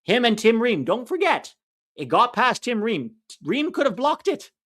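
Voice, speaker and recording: His voice is very high, swings widely in pitch and has a fairly bright tone. Co-hosting a live soccer watch-along, the man offers casual match commentary in an accent that's a hard-to-place mix, venting blunt opinions and frustration quickly.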